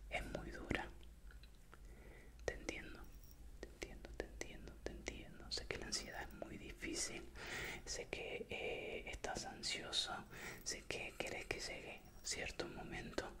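Young Latin American man whispering a pep talk. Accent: Latin American Spanish with voseo. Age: young adult. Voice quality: breathy unvoiced whisper. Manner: soothing, repetitive, encouraging. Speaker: ASMR creator. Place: small indoor room with bare wall. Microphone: desk microphone up close.

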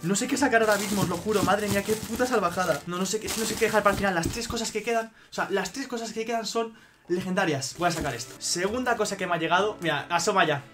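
A young man with a Spain Spanish accent talks in a high, bright register as he unboxes on camera. He is excitable, keeps exclaiming and swears freely, and faint music plays underneath. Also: fast. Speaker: YouTuber.

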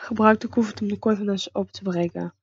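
A woman's voice: mid-range voice, steady tone, fast talker, breathy edge, no echo, dull audio. A woman reading a worried, loving game father.

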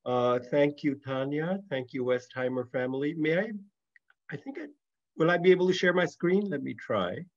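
A man's voice: fairly high pitch, moderate pace. An older man giving an online lecture with slides over a video call, explaining plainly with a little humor, heard as a screen recording. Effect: video call audio from a screen recording. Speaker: guest speaker. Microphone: computer mic on a video call. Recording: dull lo-fi video call audio.

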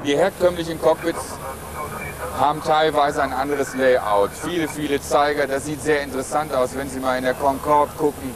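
A man's voice: on the high side, steady tone, moderate pace, crowd noise. A middle-aged man, an airline captain, explaining things in an interview. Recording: clear aircraft cockpit noise.

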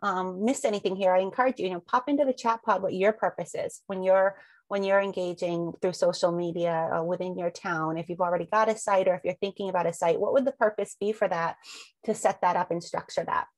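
In a dry recording, a woman with a lowish voice talks briskly and with fairly even intonation. She presents a webinar over slides, working through a long series of rhetorical questions with plenty of ums, and her allergies leave her a little sniffly.

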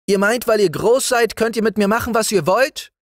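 Man putting on a cheeky little boy, high mocking voice, storybook. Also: moderate pace, dry recording, clean studio sound, natural voice. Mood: defiant. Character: small defiant boy, cheeky.

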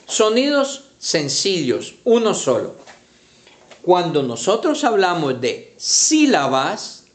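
A man teaching young children to read, slowly and patiently sounding out syllables. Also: fairly high pitch. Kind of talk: children's reading lesson at a whiteboard. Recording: echoey room.

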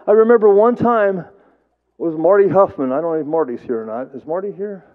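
A man giving a eulogy to an audience, telling stories in a rambling, halting way with repeated words and folksy humor. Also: sits high, lively intonation. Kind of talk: storytelling speech to a gathered audience. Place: memorial service, before an audience. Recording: tinny phone-like sound.

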